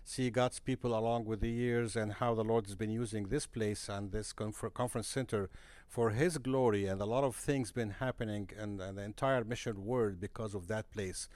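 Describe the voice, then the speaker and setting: Guy, deepish voice, dry close sound, earnest and halting, lots of restarts. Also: steady tone, a little mellow, dry recording. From Egypt. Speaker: guest, missionary broadcaster. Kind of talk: casual podcast interview. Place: conference center.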